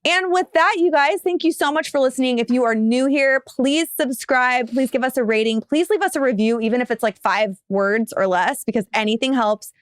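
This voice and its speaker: A woman's voice: a little high, fairly quick, hardly any pauses, clear, resonant tone, dry recording, clean studio sound. A young woman from the United States co-hosting a podcast, chatting in a bubbly, gushing way with lots of fillers. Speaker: podcast co-host. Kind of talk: casual chat.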